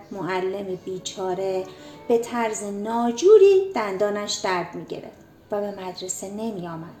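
A woman reading a children's storybook aloud, gentle and expressive. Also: medium pitch, echoey room, a little hiss or hum. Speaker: narrator.

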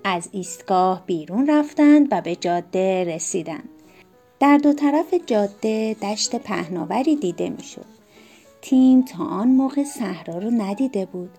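A woman narrating a children's story in a gentle, expressive way. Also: medium pitch, soft background music. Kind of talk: storybook reading.

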